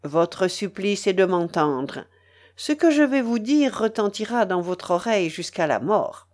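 A woman's voice: medium pitch, lively intonation, a little slow, a little mellow, close to an everyday voice. A woman reading an audiobook, voicing a vengeful, scornful male pirate who threatens with sneering emphasis. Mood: threatening.

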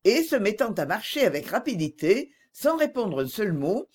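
A woman narrating a novel aloud as an audiobook, in a measured storytelling manner. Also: medium pitch, very animated, darkish tone, slightly rough.

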